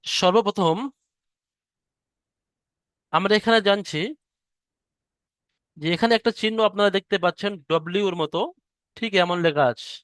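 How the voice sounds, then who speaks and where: A man teaching Quran reading in a recorded online lesson, explaining patiently and spelling out syllables slowly. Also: high voice, a bit bright, smooth, no echo, clean studio sound.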